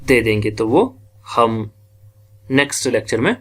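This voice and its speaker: A man's voice: mid-range voice, animated, unhurried. A man teaching English phonetics, sounding out each syllable and mixing Hindi with English. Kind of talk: lecture, spelling out word sounds slowly.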